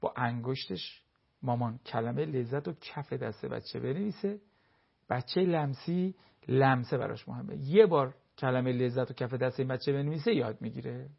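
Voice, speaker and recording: Male family counselor, husky and a touch high, lively explanatory delivery, dull lo-fi sound. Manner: lively, acts out spouses' remarks in quotes. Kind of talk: explanatory talk with everyday examples.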